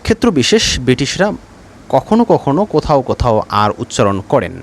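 A man teaching English pronunciation in a spoken lesson, hesitant with fillers, repeating example words slowly. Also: fairly high pitch.

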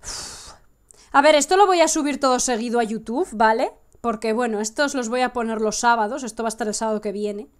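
A young woman with a Spanish accent giving excitable live gameplay commentary, swinging from hushed coaxing to sudden shrieks. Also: a little high, fairly quick. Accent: Spain Spanish. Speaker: gaming streamer.

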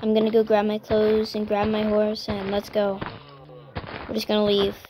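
A woman chatting casually while she plays a video game, exclaiming at mishaps and apologizing for yelling. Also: mid-range voice, completely flat delivery, moderate pace. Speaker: gameplay streamer. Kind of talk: casual gameplay commentary. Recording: noisy home recording.

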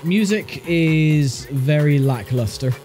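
Speaking slowly, a man with a somewhat high, slightly mellow voice sounds blocked up from a sinus infection. Over game music, this gaming YouTuber casually delivers dry, wry commentary on his racing game.

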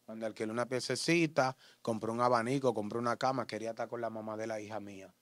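A man with a Dominican accent giving an interview testimony in street slang, acting out shouts and gunshots as he tells it. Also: on the low side, fast, no room sound. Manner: animated, acts out shouts and gunshots.

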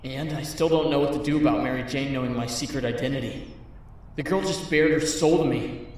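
A man voicing Peter Parker, a kind, thoughtful young man, speaking gently and reflectively in a comic dub. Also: medium pitch, a little fast, heavy reverb, recorded from a distance, slight background noise, natural voice, poor audio.

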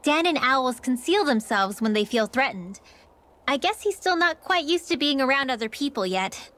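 A woman's voice: sits high, expressive, normal speed, a bit bright. A woman voicing an earnest, guarded young female mage in a video game.

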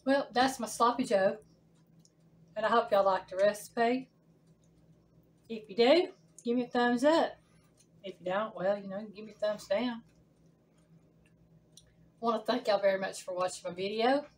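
A woman's voice: mid-range voice, unhurried, pauses often, recorded from a distance. A woman, hosting a casual home cooking demonstration in her kitchen and chatting folksily to viewers. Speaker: home cooking channel host.

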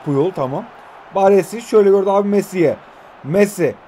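A man in his twenties giving excitable live commentary on a mobile football game, full of slangy banter and sudden shouts. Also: high voice, brisk, a little hiss or hum. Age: 20s.

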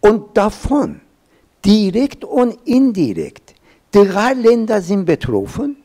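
A man in his fifties from Iran, speaking German with an Iranian accent on a panel, with halting restarts and fillers, holding a handheld mic. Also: high voice, huge pitch swings, mellow. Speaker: professor, panel guest. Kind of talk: panel discussion. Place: small event studio with glass wall.

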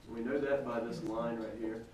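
Guy leading a cave tour, big cave echo, kinda noisy recording, relaxed jokey commentary. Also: medium pitch, a little fast. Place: large underground cave, heard from a visitor's camera. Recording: echoey cave, distant, noisy.

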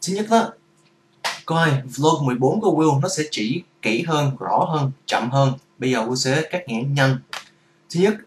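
A man's voice: medium pitch, animated, moderate pace, roomy sound. A man giving a casual vlog lesson on English pronunciation, patiently explaining and repeating each sound to demonstrate it.

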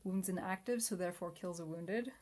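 A woman's voice: lowish voice, a little fast. Woman reviewing solo board games. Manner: quiet and muttering while playing, chatty and upbeat when reviewing.

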